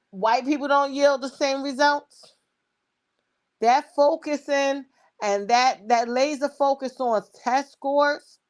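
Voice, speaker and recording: A woman with a Brooklyn accent giving opinionated commentary, speaking emphatically and informally. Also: fairly high pitch. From Brooklyn, New York. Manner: emphatic, rhetorical questions, swearing.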